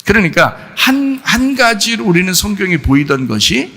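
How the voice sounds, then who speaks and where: Gravelly, animated preaching man. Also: normal speed. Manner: animated, acts out quoted speech with sudden high shouts. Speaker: pastor. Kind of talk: sermon.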